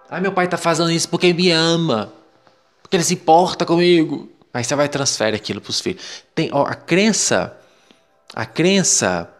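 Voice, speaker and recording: A man with a Brazilian Portuguese accent teaching a self-help course lesson, talking in a lively, emphatic way. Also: on the high side. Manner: lively, emphatic, mimics parents' voices. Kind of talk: lecture on beliefs.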